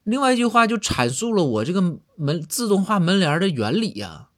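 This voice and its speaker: Male storyteller as a crafty official, quiet and measured, lively pitch. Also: no echo, studio quality. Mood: sly. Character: sly, earnest male judge with wordplay.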